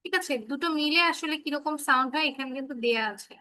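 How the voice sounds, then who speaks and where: A woman's voice: high voice, quick pace, pushed and bright. A woman teaching English phonics to children in an online class, patiently checking that each pupil understands. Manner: addresses the children affectionately as "baba". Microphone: laptop microphone on a video call.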